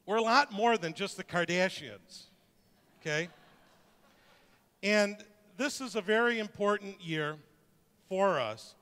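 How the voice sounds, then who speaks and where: Middle-aged man, informal presenter, light self-mocking humor, smooth voice with hall reverb. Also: high voice, pushed and bright. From Detroit, USA. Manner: joking, conversational, with many restarts. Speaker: speaker presenting to an audience.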